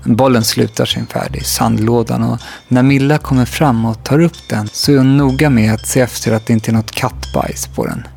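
A man reading a children's book aloud in a calm, even storytelling manner. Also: medium pitch, creaky, few pauses. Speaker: audiobook narrator.

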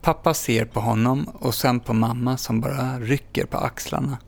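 A man calmly reading a story aloud with measured pacing and dramatic pauses, with music playing underneath. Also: mid-range voice, gravelly. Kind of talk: scripted story narration.

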